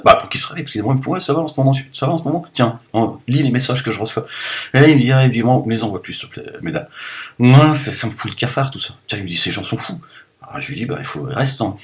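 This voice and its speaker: A man talking straight to his viewers in a loose, rambling monologue, joking and swinging between loud bursts and low mumbles. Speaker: video blogger.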